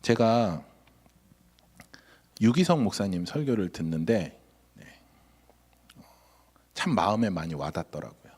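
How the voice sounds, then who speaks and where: A male pastor gives a sermon in a storytelling manner. His pitch rises and falls in a lively way, and he keeps turning to the congregation with rhetorical questions. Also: a little slow, long pauses, breathy edge.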